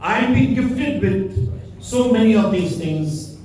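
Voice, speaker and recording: A man's voice: sits high, lively intonation, slow, darkish tone. An older man, a fisheries activist giving a rousing, rhetorical speech to an international audience. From India. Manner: rousing, rhetorical, jokes with the crowd. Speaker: fisheries activist speaking at a conference. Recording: echoey hall, distant mic, faint noise.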